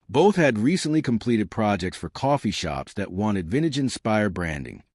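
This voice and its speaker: Deep-voiced male story narrator. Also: dry recording, studio quality. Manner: measured storytelling. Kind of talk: scripted narration.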